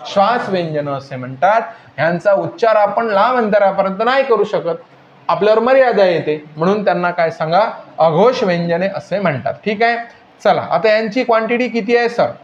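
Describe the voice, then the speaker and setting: A man's voice: high-pitched, lively intonation, normal speed, a little hiss or hum. A male teacher giving a classroom grammar lecture, constantly asking the class questions and prompting them to answer. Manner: drilling questions, repeatedly prompting "tell me". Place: classroom with a board. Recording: echoey, dull lo-fi classroom recording.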